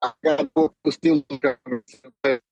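A man's voice comes through a remote call that keeps breaking up. The sound is dull and lo-fi, dry and a bit husky. He talks haltingly in casual sports chat, repeating words as the line drops. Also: medium pitch, fairly even intonation, no echo. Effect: remote call audio breaking up. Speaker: podcast co-host.

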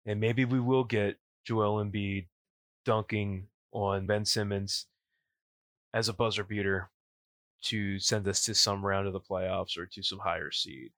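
A man with a rough, gravelly voice, still recovering from illness, speaking casually and informally as a podcast host. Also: fairly low pitch, steady tone, a little slow, a bit bright, dry recording, clean studio sound. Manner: informal, says "yous" for plural you. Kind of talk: casual solo podcast update.

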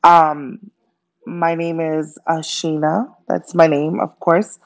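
A young Jamaican woman raised in Brooklyn hosts her first solo podcast, chatting in a friendly way with lots of fillers in her Jamaican accent. Her low, gravelly voice moves little in pitch and takes its time, and the audio sounds dull.

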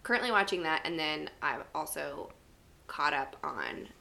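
A young woman co-hosting a casual podcast, her low voice gravelly and bright. She chats fast and loose, full of "like" and quick asides. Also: lively intonation. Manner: chatty, quick asides, lots of "like". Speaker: podcast co-host. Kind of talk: casual chat.

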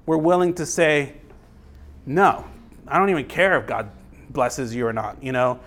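A man's voice: medium pitch, unhurried, a bit bright. A man preaching a sermon in a conversational way, asking the listeners questions and acting out quotes. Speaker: pastor.

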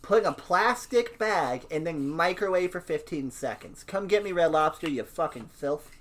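A young man in casual podcast chat, telling stories in an animated, swearing, trailing-off way. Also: on the high side, normal speed.

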